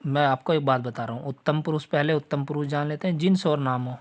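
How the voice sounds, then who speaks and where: A man with a slightly high voice teaches a Hindi grammar lesson for students preparing for exams. He goes through the example sentences one at a time and keeps addressing his listeners, asking whether they have understood. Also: fast, darkish tone. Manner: explains step by step, repeats example sentences; talks straight to students, asks if they follow. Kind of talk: exam-prep grammar lesson.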